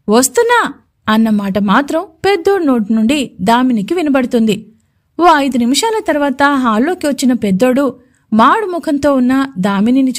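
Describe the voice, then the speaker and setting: A woman narrating a romantic audio story in a steady, expressive storytelling manner. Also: high voice.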